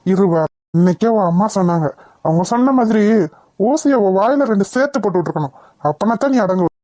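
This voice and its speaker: A woman's voice: medium pitch, lively intonation, a little fast, dark tone, dry recording, lightly acted. A woman voicing an angry doctor who scolds and threatens.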